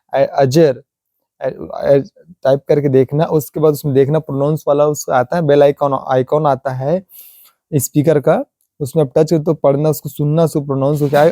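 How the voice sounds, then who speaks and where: A man teaching English pronunciation in Hindi, explaining rules slowly, repeating each example word, and slipping in simple English sentences. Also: on the high side, mellow, no room sound.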